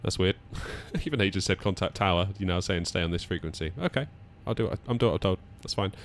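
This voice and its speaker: This man hosts a flight simulator video, offering casual commentary and thinking aloud in a chatty way. His voice sits low and moves fast, with faint background noise in the recording.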